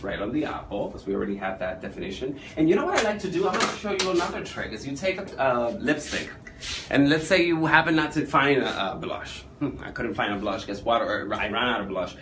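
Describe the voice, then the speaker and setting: A man makeup artist talks through a demonstration in a middle-pitched voice that rises and falls a lot. He keeps turning to his listeners with questions, and a faint hiss of background noise sits under his voice. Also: a little fast. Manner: animated, chatty, asks the viewer questions.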